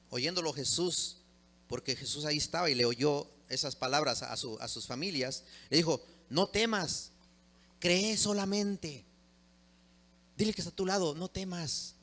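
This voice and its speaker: Middle-aged male preacher, fairly high-pitched, impassioned sermon delivery. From Mexico. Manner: impassioned, swings from loud emphatic peaks to low quiet drops.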